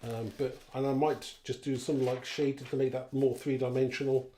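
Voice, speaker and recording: In an indoor craft room, a man gives a casual live card-making demonstration, chatting informally and thinking aloud as he works. His voice is mellow, medium-pitched, and level, at a normal speed. The recording has roomy echo, clear background noise, and clicks.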